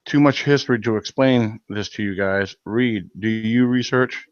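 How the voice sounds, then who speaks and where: A man's voice: on the low side, moderate pace, dry recording, highs cut off. A man hosting a live stream, reading viewer comments aloud and giving blunt, heated opinions, with many fillers and restarts. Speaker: channel host reading live chat.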